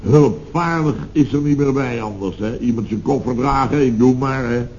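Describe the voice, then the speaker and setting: An actor playing a rambling, nostalgic middle-aged building contractor in a 1960s radio comedy, hesitant and full of tag questions. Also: male voice, mid-range voice, normal speed, a little mellow, lightly acted. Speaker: contractor boss. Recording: dull old radio recording with faint hiss.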